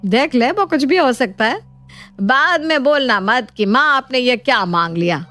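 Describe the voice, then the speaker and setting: A strict cartoon mother-in-law who scolds her grown son and stands up for her daughter-in-law, as a woman plays her. Her voice sits higher than the narrator's and cuts through. Soft music plays underneath. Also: animated, a little slow, exaggerated voice. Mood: coaxing. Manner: commanding, scolding. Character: stern caring older mother-in-law, man's mother.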